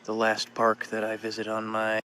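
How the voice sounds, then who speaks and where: A man with a fairly low voice speaks informally to his viewers as a vlogger. His delivery is unscripted and reflective, recorded outdoors with clear ambient noise behind him. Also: completely flat delivery, normal speed, pushed and bright. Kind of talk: casual vlog talk to viewers. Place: outdoors in a park.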